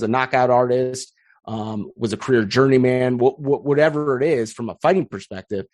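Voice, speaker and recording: A man in his thirties, a podcast guest, chatting casually and telling lively stories with frequent restarts. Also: mid-range voice, no room sound. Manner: storytelling, energetic, frequent restarts. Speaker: podcast guest, content strategist. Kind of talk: casual interview chat.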